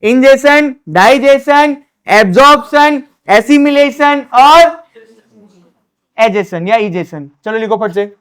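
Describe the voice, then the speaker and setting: A man's voice: very high-pitched, slow pace, hardly any pauses, a bit bright. A man teaching a board exam science lesson, asking questions and answering them himself. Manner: repetitive, drilling.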